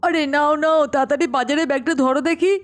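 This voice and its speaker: Lady doing a panicky husband always rushing, high comic voice. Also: steady tone, lightly acted. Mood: flustered. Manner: rushed, fussing, comic panic. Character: flustered hurried family man, comic.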